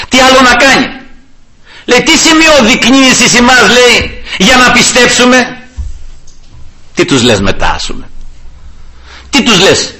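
A man delivers a fiery sermon, his high voice leaping up and down as he hammers his congregation with rhetorical questions. He reads scripture in a formal cadence before preaching in a bright, forceful tone. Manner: fiery, keeps calling out to the brothers with rhetorical questions.

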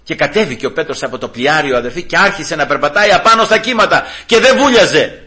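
A man's voice: fairly high pitch, lively intonation, bright, forceful tone. A man preaching an impassioned evangelical sermon, calling out praise and rising to fervent cries.

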